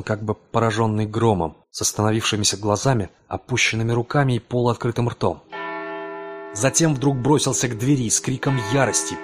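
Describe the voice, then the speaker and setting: A man reading a horror tale in a measured, dramatic storytelling voice. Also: mid-range voice, slightly rough. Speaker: audiobook narrator. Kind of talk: scripted dramatic narration.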